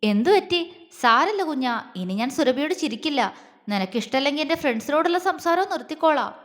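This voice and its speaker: A woman voicing a teasing but doting young husband who speaks gently and coaxingly, with a long hall reverb. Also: high-pitched, animated, brisk.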